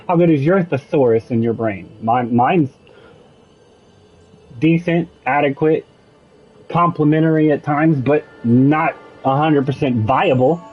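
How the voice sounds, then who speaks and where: Slow, rambling man narrating gameplay. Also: fairly high pitch, breathy edge, muffled recording, faint music behind. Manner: musing, digressive, with frequent restarts. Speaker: gaming streamer. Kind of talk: casual rambling commentary over gameplay.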